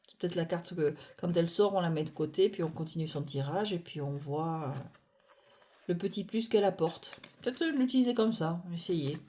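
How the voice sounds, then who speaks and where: A woman reviewing tarot decks in a casual, hesitant chat, often pausing with fillers and laughing at her own clumsiness, recorded on a phone on a stand at home. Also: on the low side, warm tone. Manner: chatty, hesitant, self-deprecating, many fillers.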